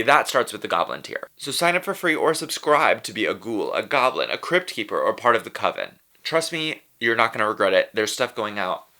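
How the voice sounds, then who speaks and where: Sassy drag queen, bright low male voice. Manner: sassy drag queen delivery, playful emphatic asides. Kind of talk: chatty scripted vlog narration.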